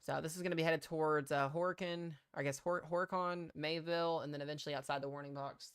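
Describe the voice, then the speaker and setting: A man's voice: fairly high pitch, steady tone, fast talker, fairly bright tone, clean tone. A man hosting a live severe weather stream, giving informal commentary with muttered asides and emphatic calls. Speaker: severe weather livestream host. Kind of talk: live storm coverage commentary.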